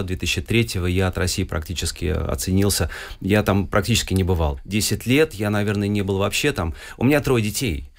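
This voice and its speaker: Lowish-voiced man telling his story in an interview. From Russia. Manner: discursive, with frequent hesitations. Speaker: guest musician.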